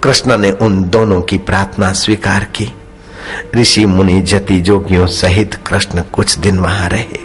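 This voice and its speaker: A man preaching a devotional sermon, telling stories and acting out the people in them, stretching some phrases slowly for emphasis. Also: deep voice, little pitch movement, faint music behind. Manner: acts out quoted characters in his stories; drops into slow, drawn-out phrases for emphasis. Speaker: spiritual preacher.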